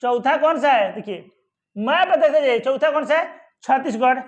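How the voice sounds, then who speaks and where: A male teacher with a very high-pitched, expressive voice gives an exam-prep geography lesson at a map, speaking at a normal speed. He asks questions and answers them himself, adding many reassuring asides and repeating "ठीक है" and "आराम से". The recording sounds muffled.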